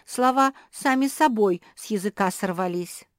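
A woman's voice: medium pitch, moderate pace, dry recording, clean studio sound, pitched above the performer's own voice, close to an everyday voice. Lady doing a show-off little pug girl, eager and bouncy. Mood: mumbling excuse. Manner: eager, bragging.

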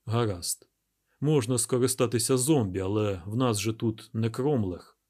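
A man reading an audiobook plays a calm, calculating male mayor laying out a plan in a measured, deliberate way. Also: fairly low pitch, breathy edge.

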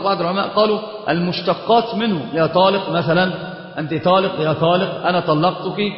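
Quick high-voiced sheikh teaching. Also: male voice. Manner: lively, quick, asks students questions; mixes Egyptian colloquial Arabic into classical. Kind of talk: religious lesson. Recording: echoey hall, dull lo-fi sound.

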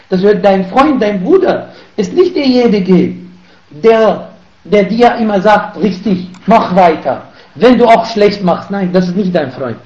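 Guy preaching a hadith lesson, pretty high voice, gets emphatic, echoey dull room. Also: darkish tone. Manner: emphatic, rises sharply in pitch when stressing a point. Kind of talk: sermon lesson switching between Arabic reading and German explanation.

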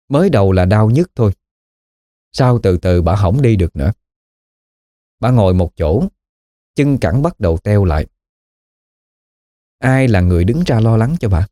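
A man with a Southern Vietnamese accent telling a spooky story in a relaxed, folksy way. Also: on the low side, no echo, studio quality. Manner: relaxed folksy storytelling with lively rises and falls.

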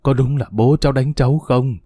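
A man's voice: medium pitch, fairly even intonation, a little fast, dark tone, breathy edge, no echo, studio quality, close to an everyday voice. A man voicing a frail, sick old grandmother who scolds and grieves between coughs. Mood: angry.

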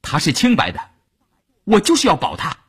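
A man's voice: lowish voice, wildly swooping pitch, normal speed, slightly rough, full character voice. A man voicing a proud, stubborn young pregnant wife who answers back defiantly. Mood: shouting. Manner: defiant, loud retorts.

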